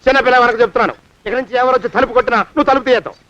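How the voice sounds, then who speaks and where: An actor playing a blustering, vain, middle-aged master who bosses everyone around in a film comedy. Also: male voice, extremely high pitch, racing, no echo. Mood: bossy. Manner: blustering, excitable, bossy. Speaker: comic lead in a film scene. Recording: dull dry film audio.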